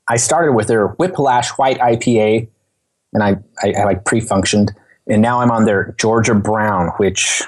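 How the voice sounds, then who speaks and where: Husky man chatting as a podcast guest. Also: on the low side, a little mellow. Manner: informal, digressive. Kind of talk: casual conversational storytelling.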